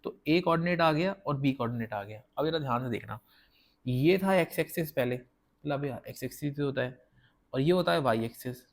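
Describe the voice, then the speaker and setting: Explaining math step by step on a whiteboard, a man keeps the lesson casual and often checks that his viewers follow. He counts slowly while drawing, and his mid-range voice is gravelly.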